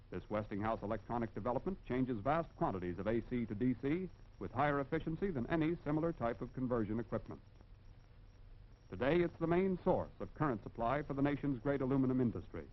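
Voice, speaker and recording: An American man reads scripted narration for a 1940s industrial film in a formal, instructive and emphatic manner. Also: mid-range voice. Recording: dull, band-limited vintage film soundtrack.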